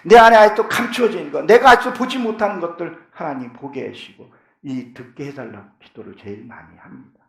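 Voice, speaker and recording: A middle-aged pastor delivers a sermon in a church sanctuary, his creaky voice pitched at a medium level. He preaches fervently and at times pleads with great passion in his prayers. The recording echoes through the church hall.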